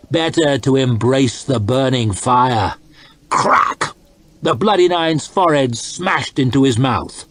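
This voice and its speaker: A man calmly reading a story aloud in an ASMR storytime style, slow and dramatic. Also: medium pitch.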